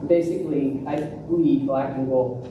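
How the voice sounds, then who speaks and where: A woman's voice: rumbling low, fairly even intonation, a little slow, lo-fi sound. Female coach at an awards podium, earnest delivery, heavy room echo, background noise. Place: large echoey room at a live ceremony. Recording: echoey hall, distant mic, noisy.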